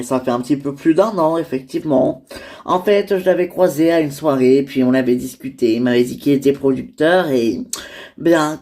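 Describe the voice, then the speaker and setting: Woman doing a reassuring friend, low voice. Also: mellow. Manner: reassuring, chatty. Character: reassuring female friend and host. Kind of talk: amateur toy-figure drama voicing.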